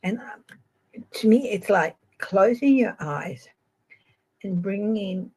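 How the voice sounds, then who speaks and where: A middle-aged Australian woman giving a gentle, chatty tarot reading on a live stream and addressing viewers by name. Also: mid-range voice, expressive, slow, husky, rough recording. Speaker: tarot reader.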